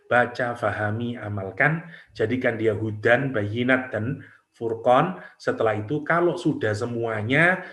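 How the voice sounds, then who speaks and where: A middle-aged male preacher delivers a sermon in a roomy, echoing space. His pitch sits in an ordinary middle register. He presses his points with rhetorical questions and drops into quiet, prayer-like asides. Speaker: Islamic preacher.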